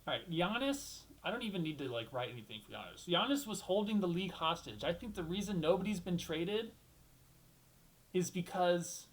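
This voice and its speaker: A man's voice: high-pitched, expressive, normal speed, rough recording. A young man hosting a solo basketball talk show, rambling and thinking aloud, restarting sentences and swearing casually.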